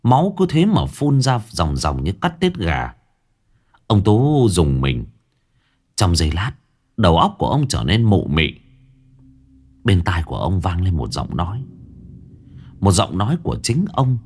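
A man narrating a ghost story in a dramatic, expressive reading style. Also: low-pitched, measured pace, long pauses.

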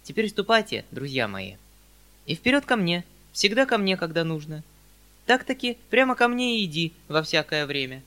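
A man's voice: a little high, big pitch swings, sharp tone, pitched above the performer's own voice, exaggerated voice. Man doing a flustered kindly old landowner. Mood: hurried. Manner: hurried, fussy, pleading.

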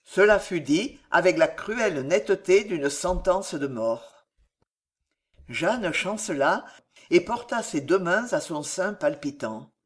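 Man reading an old novel aloud, high voice, slow and dramatic. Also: animated. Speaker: audiobook narrator. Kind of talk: literary audiobook reading.

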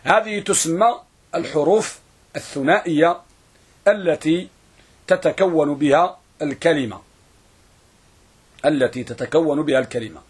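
Man, grammar teacher, husky voice, fairly high pitch, repeats terms and stretches words for dictation. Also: a little slow, pauses often. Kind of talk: classroom lesson.

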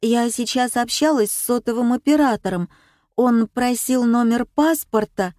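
A woman's voice: on the high side, moderate pace, darkish tone, no room sound, clean studio sound, voice pushed up, lightly acted. A woman voicing a jumpy young girl. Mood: frightened. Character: frightened, impulsive young girl. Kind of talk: audiobook character reading.

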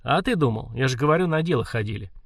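A man's voice: medium pitch, expressive, fast talker, dry recording, clean studio sound. A man voicing a boastful teenage wannabe thug who talks in criminal slang. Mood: swaggering. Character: loud boastful teen male wannabe thug.

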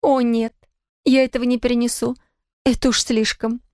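Woman voicing a young woman crying and begging her lover, voice up high, dry close sound. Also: flat delivery, normal speed, a little mellow, no room sound, close to an everyday voice. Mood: distraught. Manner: high pleading tearful outbursts. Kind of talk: audiobook character voice.

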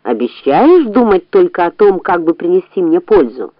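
A woman lowering her voice to play a stern farmer from a storybook, firm and scolding, with a lively, rising and falling delivery. The recording is dull and dry. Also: normal speed, dry recording. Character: stern farmer master of the house, blunt. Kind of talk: storybook reading.

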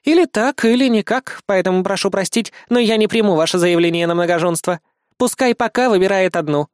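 A man's voice: sits high, a little fast, smooth, dry recording, studio quality, close to an everyday voice. A man voicing a stern female marriage registry clerk who talks in a formal, lecturing way. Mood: stern officious.

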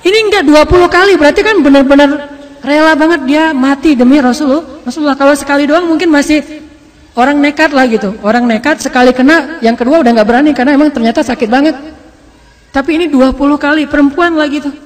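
A man preaching as an Islamic teacher, telling a story in an animated, conversational way and acting out quotes. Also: extremely high pitch, fast. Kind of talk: storytelling sermon. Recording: long hall reverb.

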